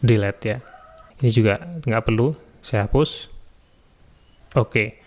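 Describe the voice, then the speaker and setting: Man calmly explaining software step by step. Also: medium pitch, takes it slowly. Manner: relaxed step-by-step explaining with frequent "ya" and "eh". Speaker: YouTube tutorial host. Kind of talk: screen-recorded software tutorial. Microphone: studio mic through an audio interface.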